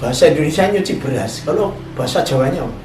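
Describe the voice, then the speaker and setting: A man's voice: on the high side, lively intonation, fast, noisy background. A man, preaching a sermon and telling a story, often putting questions to his audience. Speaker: Islamic preacher. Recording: echoey room, voice from far off.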